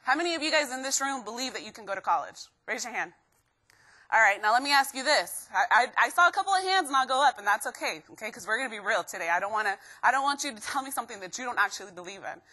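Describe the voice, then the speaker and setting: A young woman from Guatemala giving an energetic live motivational talk to students, constantly asking the crowd questions. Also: on the high side, fast. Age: young adult. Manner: energetic, keeps quizzing the crowd. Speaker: motivational speaker.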